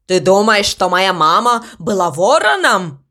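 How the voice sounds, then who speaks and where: A woman's voice: medium pitch, sing-song, a little slow, bright, forceful tone, full character voice. A woman voicing a boastful male raven who pretends to be a tiger, growling and swaggering in a storybook reading.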